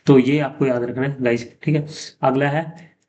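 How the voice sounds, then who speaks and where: A man of ordinary pitch teaching lab-technology exam questions, explaining patiently and dropping a reassuring "theek hai" after nearly every point while mixing English terms into his Hindi. The recording is a bit dull and lo-fi, with a faint hiss underneath. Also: steady tone, moderate pace, dark tone. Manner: repeats "ठीक है" often, mixes Hindi and English terms. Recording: dull lo-fi sound with faint noise.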